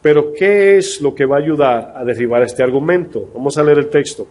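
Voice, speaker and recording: A male pastor with a fairly high, slightly mellow voice gives a conversational sermon. He asks rhetorical questions and takes his time reading scripture, each word deliberate.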